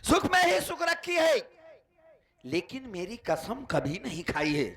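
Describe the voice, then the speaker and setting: A man's voice: extremely high pitch, wildly swooping pitch, a little slow, fairly bright tone, exaggerated voice. A man playing a betrayed, vengeful husband in a folk stage play, declaiming to the audience. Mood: grieving.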